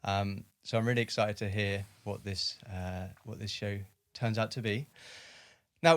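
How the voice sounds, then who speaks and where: A man's voice: lowish voice, a bit bright, no room sound. A man hosting a podcast, talking in a friendly, chatty way with lots of fillers. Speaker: podcast host. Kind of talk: casual podcast chat.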